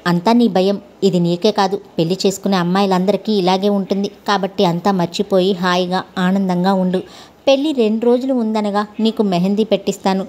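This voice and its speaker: A woman reading a storybook voice for a kind, educated young woman who gently coaxes like an older sister. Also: medium pitch, steady tone, brisk, lightly acted. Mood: reassuring.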